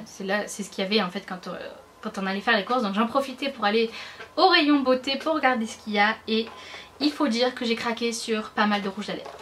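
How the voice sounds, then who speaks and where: A woman's voice: mid-range voice, fairly bright tone, slight background noise. A woman from France chatting casually and enthusiastically as a beauty vlogger, with many fillers and restarts. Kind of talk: casual haul video chat.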